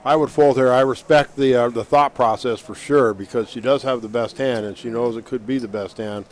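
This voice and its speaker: A man's voice: medium pitch, steady tone, brisk. A man with a mid-range voice commentates on live poker from a booth. He gives decisive verdicts on each play and approves good moves plainly. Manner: decisive, affirming calls.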